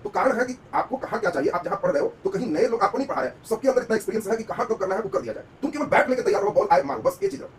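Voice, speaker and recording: A male coaching teacher races through an exam-prep history lecture at breakneck speed in a high voice. He quizzes and exhorts his students and repeats emphatic words. The mic sits a little away from him, with a faint rumble behind. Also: racing, hardly any pauses, distant mic.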